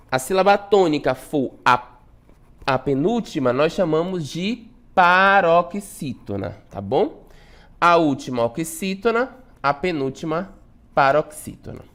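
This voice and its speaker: Lively Brazilian woman teaching a lesson. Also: medium pitch. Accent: Brazilian Portuguese. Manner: explanatory, constantly checks in with "né?" and "tá bom?"; stretches out syllables slowly to demonstrate stress. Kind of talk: recorded classroom lesson.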